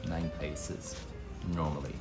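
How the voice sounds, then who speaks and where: A young French food vlogger chats casually about food in a rambling travel-vlog narration, full of fillers and self-corrections. His voice is very deep and level, he takes it slowly, and the low-quality recording has music in the background.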